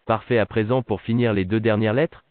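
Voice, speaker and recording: A man's voice: on the low side, fairly even intonation, fairly quick, noisy background. A synthetic male voice playing an automated customer service voicebot that speaks polite, formulaic prompts over a phone line. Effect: synthetic text-to-speech voice. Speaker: virtual customer service agent. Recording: tinny dry phone line.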